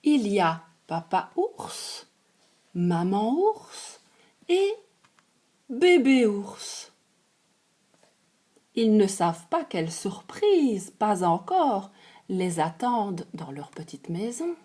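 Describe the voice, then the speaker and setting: A woman telling a fairy tale to children, slow and expressive, sometimes dropping to a soft murmur. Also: mid-range voice. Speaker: storyteller.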